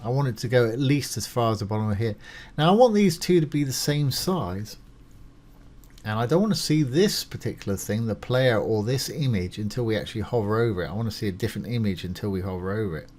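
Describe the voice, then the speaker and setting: On a screen-recording voice-over, a man with a lowish, darkish voice walks through a casual tutorial step by step. He talks fast and animatedly, keeping it informal and reassuring as he explains each move while making it.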